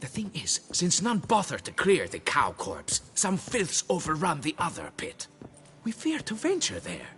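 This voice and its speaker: A man's voice: on the high side, huge pitch swings, measured pace, pushed and bright, full character voice. A man voicing a fussy, blustering quarry foreman in a game fan dub, flustered and pleading, with old-fashioned oaths.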